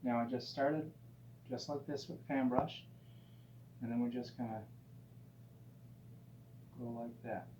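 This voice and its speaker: A man teaching painting in a gentle, easygoing, encouraging way, casually talking through each step as he demonstrates. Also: medium pitch, fairly even intonation, unhurried, long pauses. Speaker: painting instructor. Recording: dull, roomy sound with faint hum.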